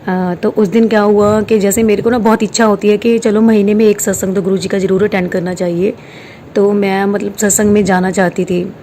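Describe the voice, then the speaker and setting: A woman's voice: medium pitch, little pitch movement, a little fast, warm tone, a little hiss or hum. A woman, telling a personal devotional story in a casual, hesitant way, with many fillers and English words mixed in. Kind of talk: casual spiritual testimony. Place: quiet room at home.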